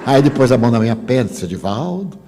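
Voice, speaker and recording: Older Bahian man, spiritist speaker, mellow and animated, telling anecdotes in an echoing hall. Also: medium pitch, racing, slight background noise. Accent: Bahian Brazilian Portuguese. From Bahia, Brazil. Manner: animated storytelling, acts out dialogue. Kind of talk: lecture with humorous anecdotes. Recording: long hall reverb.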